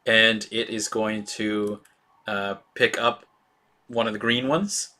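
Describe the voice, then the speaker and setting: A man running a tabletop role-playing game as game master, describing scenes in a halting way with many fillers. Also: fairly low pitch, steady tone, pushed and bright.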